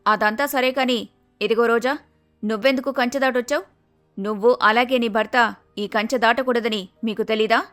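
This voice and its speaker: A woman voicing a prejudiced young village woman who loudly scolds and accuses others, in a cartoon story. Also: on the high side, steady tone, moderate pace, faint music behind, natural voice. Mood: accusing.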